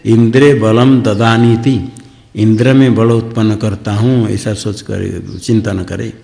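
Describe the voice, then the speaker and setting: A swami teaching scripture, chanting verses and then explaining them plainly, repeating points about clear pronunciation. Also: male voice, mid-range voice, darkish tone, big-room sound.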